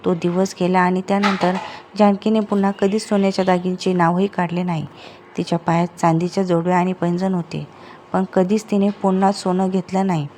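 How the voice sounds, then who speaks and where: A woman storyteller narrating an emotional family tale in a steady, plain manner. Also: on the low side, brisk, a little hiss or hum.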